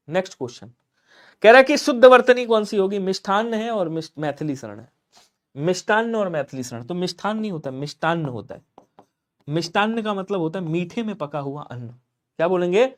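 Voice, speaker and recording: A man teaching a live online exam-prep class, lively and coaxing students to answer, with sudden loud emphasis. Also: high-pitched.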